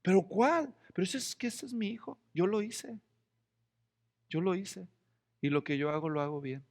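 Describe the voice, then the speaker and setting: A man voicing God as a fond, calm father. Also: extremely high pitch, normal speed, in a large hall. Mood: tender.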